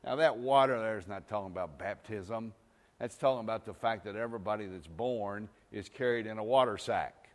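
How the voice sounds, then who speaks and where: A male pastor delivering a sermon, repeating phrases and swinging between hushed and loud, sometimes joking with the congregation. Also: lowish voice, fairly quick. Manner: jokes with the congregation. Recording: long hall reverb.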